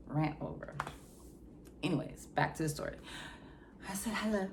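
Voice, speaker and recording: Young woman, storytime vlogger, blunt and sassy, low voice, gravelly fry. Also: a little slow, noisy background. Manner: blunt, sassy, ranting asides. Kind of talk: casual storytelling to camera.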